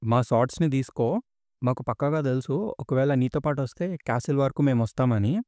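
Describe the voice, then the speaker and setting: A man's voice: medium pitch, a little fast, mellow, no echo, clean studio sound, close to an everyday voice. A man voicing a group of dead soldiers who earnestly implore their leader. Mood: imploring.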